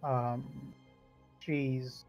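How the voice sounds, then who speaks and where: A man's voice: mid-range voice, flat delivery, very slow, darkish tone, soft background music. A man playing a tabletop game, casually moving between describing actions and speaking in character. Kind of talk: casual in-character role-play.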